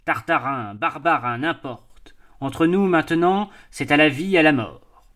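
A man voicing a sly, smooth exiled prince in a storybook reading, speaking in a grand, effusive manner. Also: medium pitch, takes it slowly, pushed and bright. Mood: fervent.

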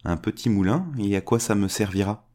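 A man voicing an easygoing poor peasant in a storybook, with a high, lively voice. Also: brisk, close to an everyday voice.

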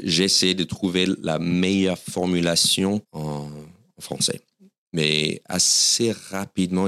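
A deep-voiced, slightly bright American man, a native English speaker, speaks French with an American accent as a comedian guest on an interview podcast. He tells his stories in a self-deprecating way.

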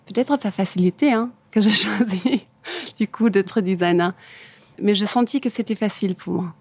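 The speaker is a woman from Germany, a furniture designer and native German speaker, giving casual interview answers about her career in imperfect French with a German accent, often pausing to find words. Her medium-pitched voice is husky and darkish, at normal speed, with no echo.

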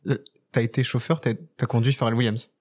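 A husky-voiced man hosting a relaxed interview. He keeps the guest going with brief questions and easy reactions. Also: mid-range voice, a little fast. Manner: short encouraging interjections. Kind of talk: casual interview chat.

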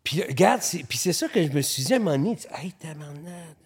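A man in his late fifties with a Quebec French accent, a photographer guest telling lively stories with frequent swearing and stammered restarts. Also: fairly high pitch, racing, vocal fry, husky. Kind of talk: casual interview chat.

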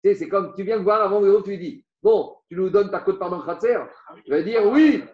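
A man teaches a Talmud class to students, speaking fast in a high-pitched, steady voice. He explains through rhetorical questions and mixes Aramaic terms into his talk. The class recording is roomy, dull and lo-fi.

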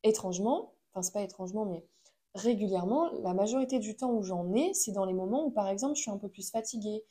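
Woman, casual motivational talk, mellow warm voice, chatty, lots of fillers. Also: medium pitch, fast talker. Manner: chatty, frequent fillers, addresses listener directly.

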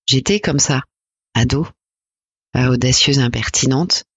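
A woman in her forties from France, a podcast guest talking reflectively and hesitantly about her life, with many pauses and fillers. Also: extremely low pitch, husky, no echo. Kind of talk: personal interview conversation.

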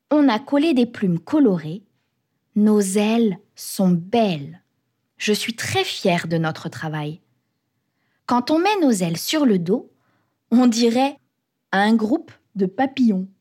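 A woman narrating a children's storybook in an expressive, playful first-person voice. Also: medium pitch, husky.

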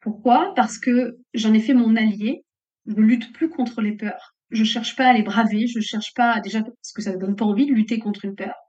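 With a slightly high, darkish voice and fairly even intonation, a middle-aged woman entrepreneur speaks at a moderate pace. She's a guest in a casual interview, earnest and reflective, and the recording is muffled and lo-fi.

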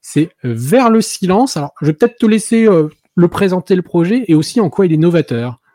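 A man's voice: high voice, expressive, fairly quick, warm tone, no echo, studio quality. A man hosting a casual chat, talking loosely with lots of fillers. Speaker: host.

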